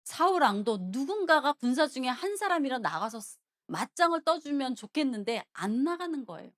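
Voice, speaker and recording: Animated high-voiced woman preacher. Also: moderate pace. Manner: animated, questioning the congregation. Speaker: pastor. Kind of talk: sermon storytelling. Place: church.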